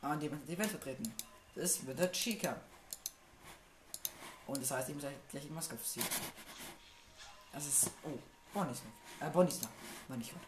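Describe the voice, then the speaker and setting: A man's voice: on the high side, normal speed, pauses often. A man doing casual let's-play commentary on a horror game, jumpy, muttering to himself and swearing under his breath. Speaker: gamer playing a horror game. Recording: echoey room with noticeable noise.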